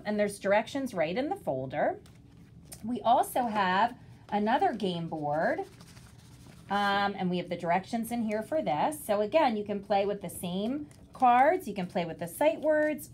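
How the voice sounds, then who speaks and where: A woman with a medium-pitched voice speaks as a kindergarten teacher. She walks parents through instructions in simple steps. Some faint noise and room ambience sit behind her. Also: darkish tone. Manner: simple step-by-step explaining, sounding out words.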